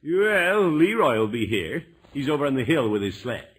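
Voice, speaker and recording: A man's voice: medium pitch, sing-song, normal speed, fairly bright tone. A man playing a genial, blustery middle-aged uncle in 1950s radio comedy, with a hesitant, theatrical way of talking. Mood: genial, bustling.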